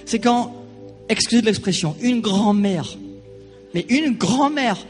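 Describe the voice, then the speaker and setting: A man's voice: high voice, animated, measured pace, big-room sound, faint music behind. A man preaching a sermon in a church, telling a personal story and acting out the voices of the people in it. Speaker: pastor.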